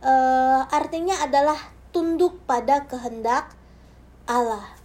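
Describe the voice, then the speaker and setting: A woman preacher giving a sermon with a personal testimony, speaking straight to the congregation and moving between hushed, soft passages and loud, emphatic ones. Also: sits high, slow pace.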